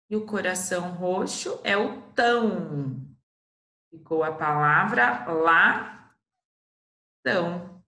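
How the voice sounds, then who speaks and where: A woman with a Brazilian Portuguese accent gives a slow, patient literacy lesson for small children, sounding out each syllable. Her voice is bright and unhurried. The recording carries a noticeable room echo. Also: lowish voice. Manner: patient, spells out syllables and checks in with "ok?". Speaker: primary school teacher. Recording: echoey room.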